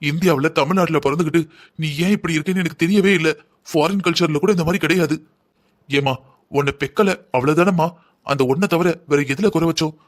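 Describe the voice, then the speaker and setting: A stern, disappointed middle-aged cartoon father who lectures his daughter at length, as a man voices him. He talks fast in a slightly high voice. His tone is bitter and reproachful. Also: natural voice. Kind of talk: Tamil cartoon voice acting.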